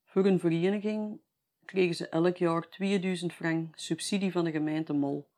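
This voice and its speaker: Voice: medium pitch, fairly even intonation, moderate pace, darkish tone. Brief: Flemish-accented local storyteller, folksy oral telling, conversational tags at the end of lines. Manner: chatty, tags sentences with "hè".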